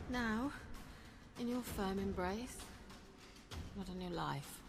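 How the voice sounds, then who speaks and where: A soft-spoken teasing sorceress. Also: female voice, medium pitch, drawn-out words, gravelly. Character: sly grown woman sorceress, teasing. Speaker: game character. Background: game music.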